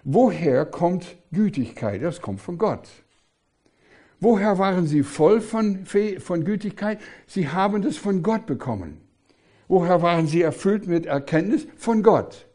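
Older male preacher, mellow, slightly raised voice, emphatic sermon with rhetorical questions. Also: high-pitched, lively intonation, unhurried.

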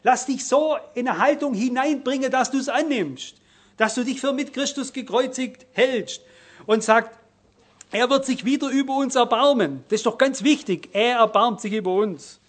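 Preacher, male, high voice, fervent sermon delivery that rises and falls. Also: moderate pace. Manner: fervent, exhorting, swings between quiet and loud.

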